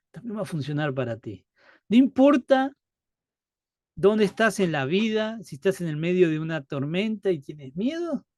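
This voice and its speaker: Hombre dando estudio bíblico. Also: male voice, high-pitched, darkish tone, dry recording, clean studio sound. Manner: conversational, rhetorical questions, acts out quotes. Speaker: Bible study teacher. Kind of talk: live Bible study teaching.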